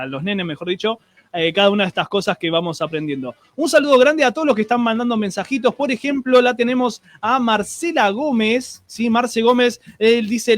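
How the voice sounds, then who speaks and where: Hosting a streamed radio show, a high-pitched man with an Argentine accent chats and greets his listeners, restarting often and filling gaps with fillers.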